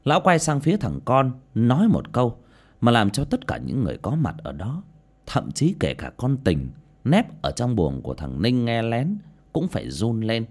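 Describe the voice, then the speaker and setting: A man's voice: very animated, normal speed. A man narrating a horror story in a dramatic, scripted way. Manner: dramatic, with sudden pitch swings. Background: faint music.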